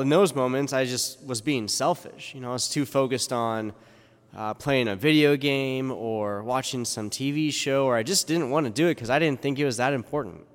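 A man speaks as a preacher to a congregation in a medium-pitched voice. His words carry a long cathedral echo, ringing through a large church. The delivery is that of a homily and scripture reading. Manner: rhetorical questions, informal asides. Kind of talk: Gospel reading and conversational homily. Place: large echoing church interior.

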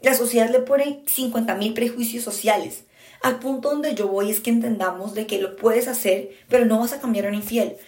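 A woman podcast host gives frank, emphatic relationship advice in a casual monologue aimed straight at her listeners. Her voice is fairly high and a little mellow, at a moderate pace. The recording has an echoey room sound.

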